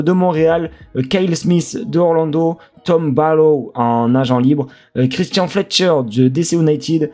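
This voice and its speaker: A man's voice: on the high side, warm tone. Chatty French guy previewing a match. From France. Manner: chatty, hesitant, lots of fillers. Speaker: football fan streamer. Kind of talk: casual match preview commentary.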